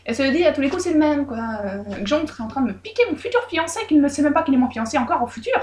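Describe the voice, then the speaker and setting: A woman casually retelling a folk tale with lively, irreverent, joking asides. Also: sits high, very fast. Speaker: storyteller. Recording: roomy echo.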